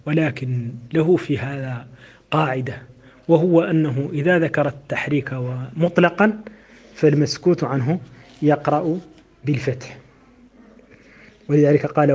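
A man's voice: fairly high pitch, a little mellow, dull audio. A man teaching the rules of a classical verse text on recitation, explaining them step by step with frequent hesitations.

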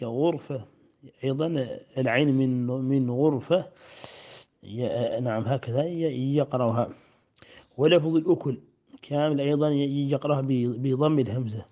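Mellow-voiced man teaching recitation. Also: medium pitch, highs cut off. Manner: recites verses slowly, then explains quickly; repeats words to demonstrate pronunciation. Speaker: teacher of Quran recitation readings. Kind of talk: recitation lesson.

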